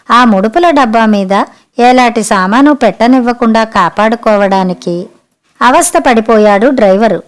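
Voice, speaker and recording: A woman reading a family story aloud in the first person, her voice pitched fairly high. She tells it in a lively, wry way, as in an audiobook. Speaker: narrator. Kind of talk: storybook narration.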